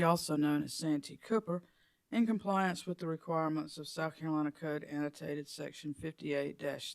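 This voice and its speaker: A man's voice: a little high, no echo. A man chairing a formal commission hearing, reading procedural items with some hesitant fillers.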